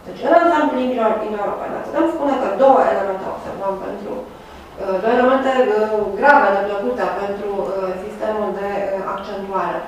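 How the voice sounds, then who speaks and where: A woman giving a university lecture, pausing often on fillers and checking in with her students. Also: medium pitch, a little hiss or hum. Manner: hesitant, frequent uh fillers, checks with "da?". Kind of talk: academic lecture. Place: lecture room. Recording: echoey room from far off.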